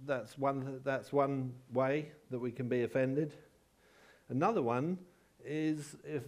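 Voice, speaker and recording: Halting, conversational male preacher. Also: mid-range voice, a little mellow. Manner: conversational, halting, self-deprecating humour. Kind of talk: sermon with personal anecdotes.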